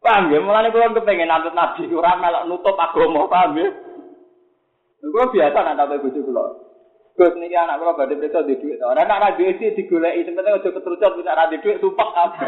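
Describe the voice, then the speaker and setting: A man preaches in a Javanese accent, joking and peppering his listeners with rhetorical questions. His voice sits a little high. The sound is thin and phone-like, with a roomy echo. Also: brisk. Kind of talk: religious sermon.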